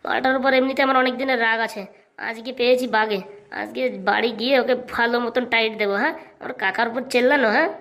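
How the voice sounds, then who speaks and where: A woman's voice: fairly high pitch, fairly even intonation, fast, a bit bright, voice pushed down. A woman voicing a brash, scheming young man in a family cartoon, speaking in a swaggering, bossy manner. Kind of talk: cartoon voice acting.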